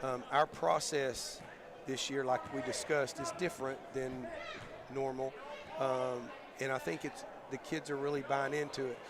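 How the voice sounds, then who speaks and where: A male basketball coach, talking in a halting, thoughtful way with many fillers, his voice going hoarse, in a postgame interview. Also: medium pitch, level tone. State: losing his voice. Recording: crowd noise behind.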